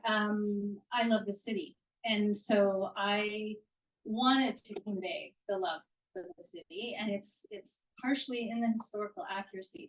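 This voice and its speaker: Speaking into a handheld mic in a bookstore event room, a woman author fields questions at a casual live Q&A after a reading. She's warm and rambling, with restarts and fillers, and her voice is mid-range. The audio quality is poor.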